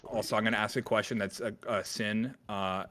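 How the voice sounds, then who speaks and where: A man calling a video game match as co-caster, joking between quick play-by-play calls. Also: on the low side, fairly even intonation, bright, forceful tone, slight background noise. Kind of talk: play-by-play esports commentary.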